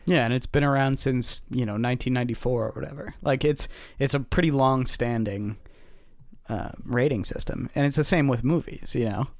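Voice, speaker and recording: A young man co-hosting a podcast, speaking casually in halting bursts, repeating words and using fillers. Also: mid-range voice, no echo, studio quality. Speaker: podcast co-host. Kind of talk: casual discussion.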